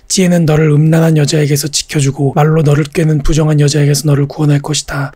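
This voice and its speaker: Fast, flat-toned man reading scripture. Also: a little high, breathy edge, no echo. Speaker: Bible reader. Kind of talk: steady scripted Bible reading.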